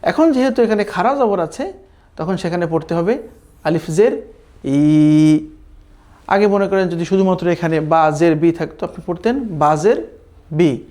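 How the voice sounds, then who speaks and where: A man from Bangladesh teaching Quran reading in a recorded online class, slowly drawing out practice syllables and often checking in with his students. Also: high-pitched, animated, darkish tone. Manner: slow drawn-out recitation drills, then brisk explaining with "কেমন?" checks.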